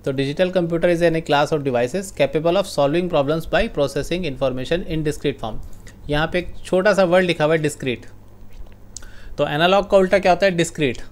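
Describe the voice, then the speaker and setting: A man teaching a computer class online in Hindi mixed with English, explaining slowly and quizzing his students. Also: on the high side.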